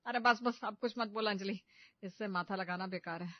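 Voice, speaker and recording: A woman voicing an exasperated middle-aged mother-in-law who scolds loudly in a cartoon story. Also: mid-range voice, normal speed, no echo, lo-fi sound, pitched below the performer's own voice, natural voice. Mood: weary.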